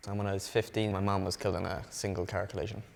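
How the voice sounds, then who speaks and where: Woman in very low-pitched hesitant speech. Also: flat delivery, rapid-fire, creaky, big-room sound. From Ireland. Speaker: interviewee. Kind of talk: documentary interview.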